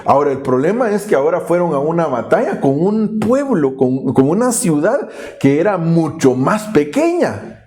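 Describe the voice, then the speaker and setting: A man's voice: a little high, big pitch swings, normal speed, darkish tone. A male pastor, preaching an earnest, explanatory sermon with frequent restarts.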